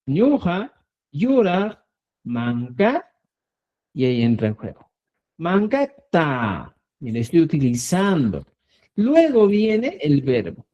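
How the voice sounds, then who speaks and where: A man's voice: on the high side, wildly swooping pitch, slow pace, dull audio. A man teaching a Quechua lesson, repeating words and checking in with his students. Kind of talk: online language lesson.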